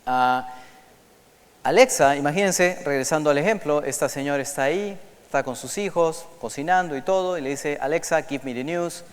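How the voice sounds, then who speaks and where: A man speaking to a large auditorium through a microphone, his smooth, resonant voice carrying a long hall reverb. He lectures in an animated way, asking the crowd questions and switching into English to quote. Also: fairly high pitch, normal speed. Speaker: conference speaker. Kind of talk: lecture to an audience.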